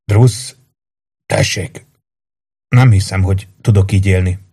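A man's voice: low-pitched, fairly even intonation, warm tone, slightly rough. A man voicing a grief-stricken young warrior in an audiobook, raw and anguished.

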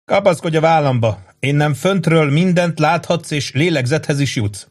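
A man reading an audiobook, voicing a loud, joking young soldier who shouts and teases his buddy. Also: on the high side, voice pushed up, lightly acted. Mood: rowdy. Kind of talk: audiobook character voice.

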